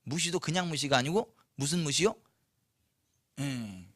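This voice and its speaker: A man preaching a sermon at a church night service, telling the story lively and asking the congregation questions. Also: fairly high pitch, unhurried, dry recording, studio quality. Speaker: pastor.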